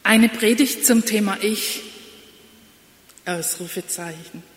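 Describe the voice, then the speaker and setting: A woman pastor giving a slow, reflective sermon in a church. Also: medium pitch. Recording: echoey church with long reverb.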